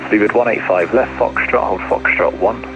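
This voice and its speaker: A man working as an air traffic controller, giving procedural clearances over the radio. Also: fairly low pitch, moderate pace. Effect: aircraft radio. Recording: muffled radio audio with music behind.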